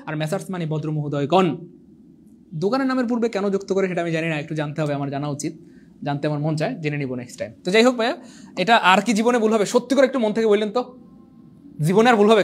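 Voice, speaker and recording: A young man who teaches an exam prep lecture in an animated, teasing way, repeating points and quizzing his viewers. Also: sits high, a little hiss or hum. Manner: animated, repetitive, teasing, asks the viewers questions. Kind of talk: online lecture.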